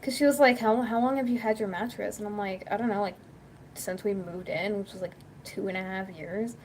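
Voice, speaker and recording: Her voice is mid-range, steady and darkish, a little fast, with slight background noise. This YouTuber and livestreamer chats casually at home, rambling through anecdotes, voicing quoted dialogue, and saying "like" constantly.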